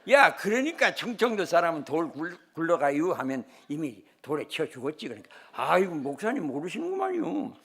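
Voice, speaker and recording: An older man from the Chungcheong region, a senior pastor, preaching a sermon in an animated way and telling humorous personal stories. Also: on the high side, a little fast, hardly any pauses. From Chungcheong, South Korea.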